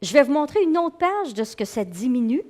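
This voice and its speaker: A middle-aged woman with a Québécois accent gives an animated talk as a psychologist, addressing her audience directly and acting out inner voices. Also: high voice, a little fast. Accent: Québécois French. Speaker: psychologist and speaker giving a talk. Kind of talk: lively lecture to an audience.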